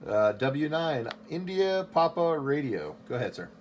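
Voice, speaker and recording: A man making a ham radio call from his home station, calling CQ over and over, spelling his call sign in phonetic alphabet in a steady, repetitive way. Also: on the high side, a little slow, heavy background noise. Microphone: station microphone.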